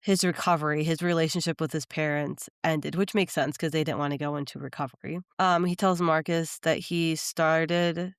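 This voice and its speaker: A woman's voice: sits low, steady tone, normal speed, hardly any pauses, clean tone, no echo, studio quality. A woman co-hosting a podcast, chatting casually as she recaps reality TV episodes and acts out quoted lines. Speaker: podcast co-host.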